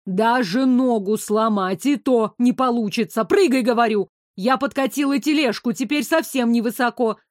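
A woman reading an audiobook, voicing a stern, exasperated middle-aged mother who scolds briskly. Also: on the high side, no echo, studio quality, close to an everyday voice. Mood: stern, scolding. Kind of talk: audiobook character voice.

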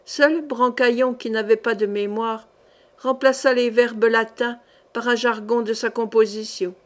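A woman reads a historical novel aloud, her voice sitting a little on the high side. She tells the story at a steady pace and gives the characters a light, expressive touch. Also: unhurried. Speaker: audiobook reader.

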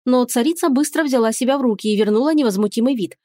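A woman narrating a first-person fantasy audiobook in an even, steady storytelling manner. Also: on the high side, quick pace, no echo, studio quality.

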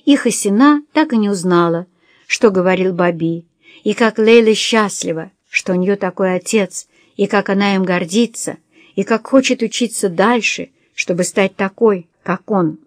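A woman reads a novel aloud in calm, even narration. The recording is dry and close, with no room sound, and her pitch sits in an ordinary middle range. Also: no room sound. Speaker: audiobook narrator. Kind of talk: scripted narration.

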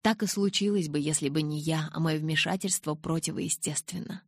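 A woman voicing a gentle, restrained young male vampire in an audiobook, speaking calmly and softly. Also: deep voice, normal speed, no echo, clean studio sound.

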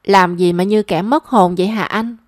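Lady reading teasing old granny, quick talker, dry close sound. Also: medium pitch, fairly even intonation, dry recording, natural voice. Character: kindly teasing old grandmother.

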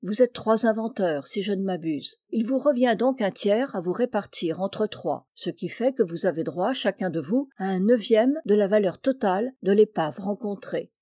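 A woman's voice: mid-range voice, expressive, normal speed, few pauses, mellow, dry recording, close to an everyday voice. A woman voicing a stern middle-aged male maritime official who lectures with precise, impatient authority, recorded close and dry. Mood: explaining.

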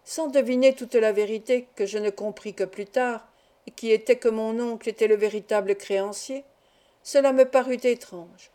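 Reading a novel aloud for an audiobook, the woman keeps her delivery calm and measured. Her slightly high voice has a warm, mellow quality.

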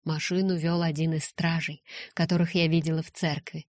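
A woman reading a first-person audiobook in a measured way, breaking into urgent shouts in her own dialogue. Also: low-pitched, little pitch movement, no room sound, studio quality. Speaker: audiobook narrator.

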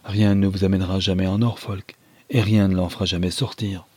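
A blunt, hot-headed young countryman, voiced by a male reader, curt and quick to threaten. The voice is husky and dark, recorded dry and close. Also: deep voice, flat delivery, dry recording. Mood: angry, blunt. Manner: curt and angry.

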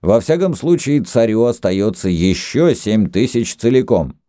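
A man's voice: lowish voice, big pitch swings, a little slow, warm tone, no echo, clean studio sound, pitched above the performer's own voice. A man voicing a haughty, quarrelsome merchant who speaks with contempt and indignation. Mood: indignant. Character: haughty quarrelsome male merchant, quick to take offence.

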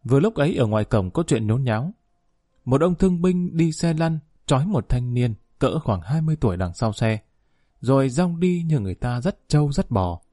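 A man narrating an audiobook story in a steady, measured reading voice. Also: mid-range voice, no echo, clean studio sound.

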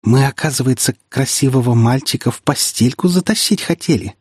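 Cowardly, moody teen boy, read by a male narrator, husky voice, dry audiobook recording. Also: medium pitch, a little fast, a little mellow, dry recording, natural voice. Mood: gloating. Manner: snapping, then whining.

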